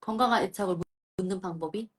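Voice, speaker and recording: A woman's voice: medium pitch, fast. A woman parenting counselor on a live stream, giving reassuring advice and speaking directly to mothers.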